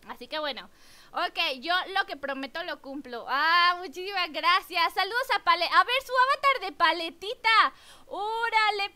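A young Mexican woman chatting excitedly with her viewers while streaming a game, exclaiming and bubbly. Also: very high-pitched. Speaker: gaming streamer. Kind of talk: live-stream chat while gaming.

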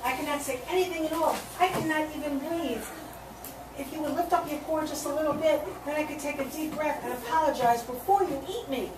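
A cheeky young boy squirrel chirps in a high, sing-song, teasing voice, as a woman reading a storybook puts him on. The voice sits well up in pitch, heard from a distance in an echoey room with steady background noise. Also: brisk, lightly acted. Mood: pleading. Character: cheeky young male brown squirrel, boastful. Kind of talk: reading a picture book aloud to children.

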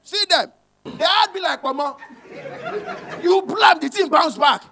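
High-pitched Nigerian comedian shouting punchlines. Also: male voice, animated, unhurried, no room sound, some chatter behind. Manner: loud, punchy, switches into voices of others, shouts punchlines. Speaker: stand-up comedian. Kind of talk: stand-up comedy in Pidgin and English. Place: cinema hall stage with a live audience. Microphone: handheld mic. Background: audience laughter.

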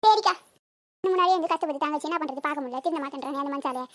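A woman's voice: high voice, rapid-fire, natural voice. A woman voicing a harried mother in a cartoon, with speech, scolding and chatty. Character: harried village mother, scolding but caring. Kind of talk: cartoon voice acting.

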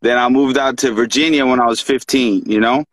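A man who grew up in Pakistan, a rapper guest in a casual livestream chat, talking in a relaxed, easygoing way with lots of "you know" and "man". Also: mid-range voice, fairly quick, poor audio. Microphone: video call.

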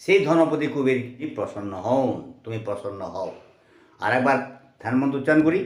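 A man teaching mantras, chanting them slowly and then explaining their meaning word by word. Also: medium pitch, lively intonation, echoey room. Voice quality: slow drawn-out chanting alternating with quick explanation.

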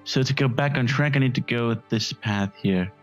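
A man's voice: medium pitch, normal speed, highs cut off, soft background music. A man hosting a let's-play, giving casual, crude running commentary full of swearing and jokes. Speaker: gaming channel host.

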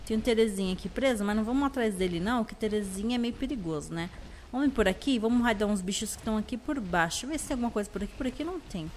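A young woman with a Brazilian Portuguese accent, chatting casually through her own gameplay. Her voice is slightly hoarse, and she talks excitably with sudden high shrieks. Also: racing, slight background noise. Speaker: gameplay video host. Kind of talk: casual let's-play commentary.

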